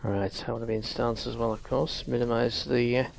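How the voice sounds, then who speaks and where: Young guy with a gravelly voice, relaxed, mumbling through his game run. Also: mid-range voice, fairly quick, slight background noise. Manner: relaxed, thinking aloud with fillers. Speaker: gameplay commentator. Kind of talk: casual gameplay commentary.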